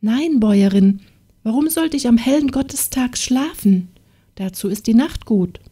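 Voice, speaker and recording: A woman voicing a humble, gentle young peasant maid in a fairy tale audiobook, speaking timidly and pleadingly. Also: mid-range voice, animated, unhurried, husky, voice pushed up. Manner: timid, pleading, soft-spoken.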